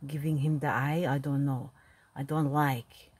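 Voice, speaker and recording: A woman's voice: rumbling low, steady tone, measured pace, darkish tone, no room sound, exaggerated voice. A woman voicing an elderly immigrant grandfather who rambles bawdily in broken English. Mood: rambling. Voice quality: very husky. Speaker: comedy video character. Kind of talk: comic character monologue.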